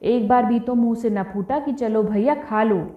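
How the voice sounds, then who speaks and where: A woman voicing a sharp-tongued young village wife who taunts with sarcasm. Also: fairly high pitch, unhurried, close to an everyday voice. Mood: taunting. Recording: tinny phone-like audio, roomy, faint music.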